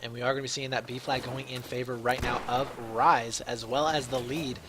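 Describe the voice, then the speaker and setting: A young man works as a solo shoutcaster for an online shooter match, his mid-range voice slightly raspy from a long day, with background noise present. His chatty commentary is peppered with "uh," and he gets excited when big plays land.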